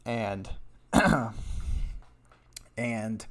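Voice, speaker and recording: A man's voice: lowish voice, drawn-out words. A young man casually recounting a tournament match, rambling and correcting himself as he tells it. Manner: rambling, self-correcting, animated retelling. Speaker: card game content creator. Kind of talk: casual storytelling recap.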